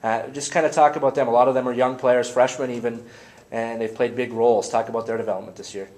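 A man's voice: mid-range voice, fairly even intonation, fast talker, a little mellow. A man interviewing players at a postgame press conference, rambling and restarting his questions.

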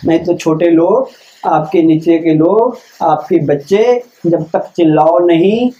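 Slow, high-voiced man giving a spiritual lecture. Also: warm tone. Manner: asks the audience rhetorical questions; deliberate, repeats key lines for emphasis. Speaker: keynote speaker at a spiritual camp. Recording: dull lo-fi recording.

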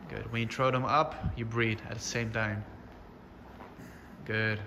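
Bright-voiced, unhurried male workout instructor. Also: lowish voice, flat delivery, gravelly, in a large hall, slight background noise. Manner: encouraging, short commanding cues. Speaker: fitness class instructor. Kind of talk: instructing a home workout class with cues and countdowns.

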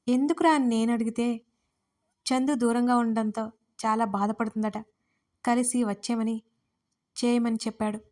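A woman, the writer and narrator, telling a romantic story in the first person in a lively, chatty way. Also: fairly high pitch.

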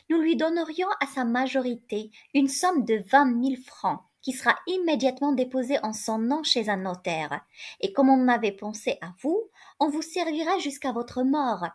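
A woman voicing a well-off husband who sets out a formal offer in measured terms, in a storybook reading. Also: sits high, animated.

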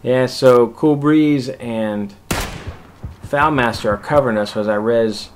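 At a slow, easy pace and medium pitch, a man calmly reviews recorded gameplay, with a little hiss or hum in the background. He talks his squad through a past match one move at a time, like a host.

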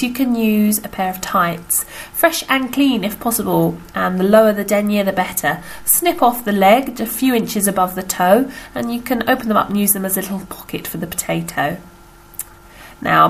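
A woman hosting a casual beauty tutorial, chatty and self-mocking, her voice slightly husky and squeaky from a recent illness. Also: poor audio. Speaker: beauty vlogger.

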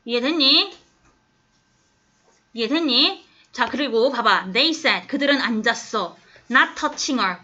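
A teacher with a high, bright voice guides her class through an English passage, coaxing them along and repeatedly asking if they understand. The audio is dull and lo-fi, apparently recorded right in the classroom.

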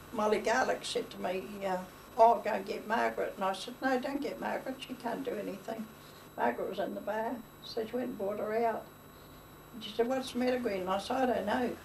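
An older woman, interviewed for oral history, tells family stories in a rambling, chatty way, acting out old conversations and laughing. Her voice is medium-pitched and creaky, picked up by a distant mic with faint hiss.

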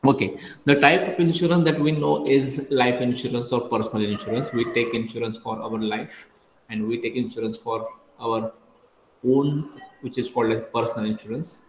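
A man's voice: mid-range voice, steady tone, normal speed, roomy sound, slight background noise, rough recording. A man giving a methodical online class lecture, often repeating and correcting himself, heard through screen-recorded call audio.

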